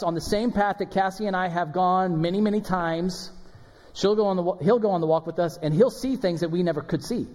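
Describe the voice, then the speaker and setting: Pastor preaching in a reverberant church. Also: male voice, on the high side. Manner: conversational, storytelling with acted quotes and soft drops in volume. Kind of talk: sermon. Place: church sanctuary. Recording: long hall reverb of a church.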